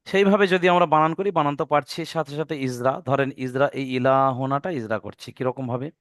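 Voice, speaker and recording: Male reading teacher, online class; patient, spells everything out, stretches recited words. Smooth, clear voice, dry sound. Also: mid-range voice, a bit bright, no echo. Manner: patient, spells out letters and vowel marks step by step; draws out recited words slowly.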